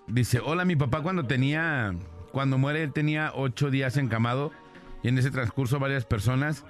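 A man's voice: medium pitch, normal speed, faint music behind. A male radio host reading out listener messages about paranormal experiences and chatting with his co-host. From Mexico. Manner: reads listener messages aloud. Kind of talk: casual radio banter.

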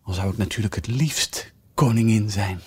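A man's voice: fairly low pitch, moderate pace, darkish tone, slightly rough. A man voicing a curious, polite young girl who talks eagerly and with a lot of wonder.

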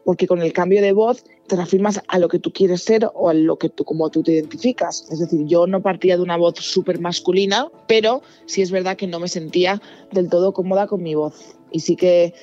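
A woman's voice: lowish voice, a little fast, mellow, lo-fi sound, faint music behind. A woman from Spain with a Spanish accent, speaking openly and reflectively in an interview, with some hesitant fillers. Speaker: interviewee, journalist. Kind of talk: personal interview testimony.

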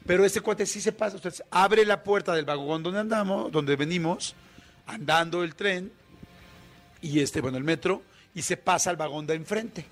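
A man with a Mexican Spanish accent, a radio guest telling a story in a colloquial, animated way with many fillers. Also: high voice, normal speed, soft background music.

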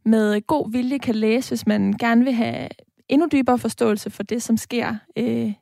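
A woman's voice: fairly high pitch, steady tone, vocal fry, warm tone, no echo. Dry-sounding woman interview host. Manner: measured, guiding questions. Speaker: radio/podcast host. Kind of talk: literary interview.

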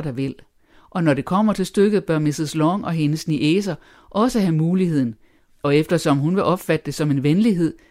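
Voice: medium pitch, a little mellow, close to an everyday voice. A reader doing a dry, teasing old-fashioned father. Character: dry sarcastic middle-aged father and husband. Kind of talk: audiobook character voice.

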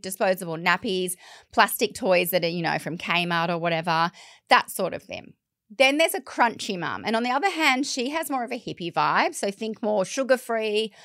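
An Australian woman hosting a podcast in casual chat, animated and playful, her voice croaky and blocked up with a cold. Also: medium pitch, no echo, clean studio sound. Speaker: podcast host.

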